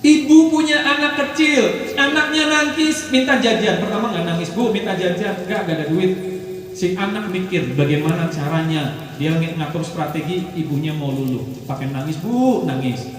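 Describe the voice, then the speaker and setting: A man's voice: high voice, normal speed, fairly bright tone. A man as a business coach giving a motivational seminar talk, preachy and emphatic as he calls out to the audience. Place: large hall with a live audience. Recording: echoey hall, from far off.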